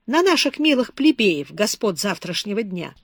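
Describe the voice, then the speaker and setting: A woman reading an audiobook, voicing a suave, melancholy man who speaks softly and persuasively. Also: medium pitch, very animated, normal speed, slightly rough, no room sound, studio quality. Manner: soft, persuasive.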